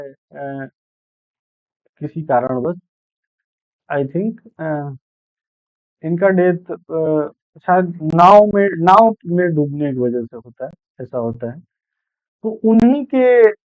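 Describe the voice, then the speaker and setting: Male teacher, high-pitched and slow, repeats and self-corrects; dry, tinny phone-line sound. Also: no room sound. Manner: explains in Hindi mixed with English terms, repeats points, self-corrects. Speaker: English literature teacher. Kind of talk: exam-prep lecture.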